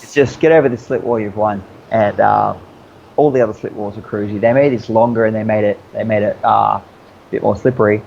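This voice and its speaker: A man's voice: fairly low pitch, fairly even intonation, a little fast, creaky, darkish tone, muffled recording, a little hiss or hum. A man chatting casually as a guest, telling stories in an easygoing, rambling, slangy way. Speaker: interview guest, obstacle racer. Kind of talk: casual storytelling chat.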